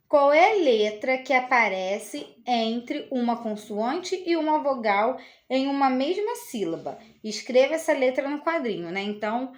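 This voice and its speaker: A woman with a Brazilian Portuguese accent teaching a children's lesson, explaining slowly and patiently with many tag questions. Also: high voice.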